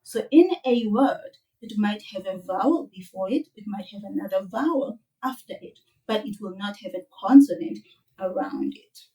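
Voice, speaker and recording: A woman with a South African accent teaching a children's language lesson, explaining sounds slowly and gently. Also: medium pitch, lively intonation, far from the mic, low-quality recording.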